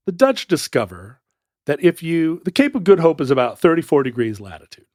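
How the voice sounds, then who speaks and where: A man's voice: a little high, big pitch swings, brisk, a little mellow, no room sound, clean studio sound. A man co-hosting a podcast, telling a history story in a casual, playful way with joking asides. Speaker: podcast co-host.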